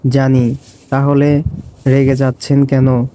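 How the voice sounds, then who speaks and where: A man's voice: mid-range voice, completely flat delivery, takes it slowly, warm tone, lightly acted. A man voicing a frightened but defiant young wife who stammers when cornered. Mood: plaintive. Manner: hesitant, stammering.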